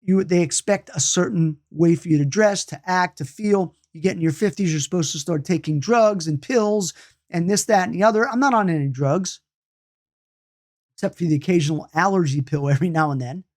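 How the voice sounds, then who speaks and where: This man, in his late fifties, has a high, slightly mellow voice and talks a little fast. He teaches energy healing and meditation in a loose, chatty way, often starting over, repeating points and going off on asides.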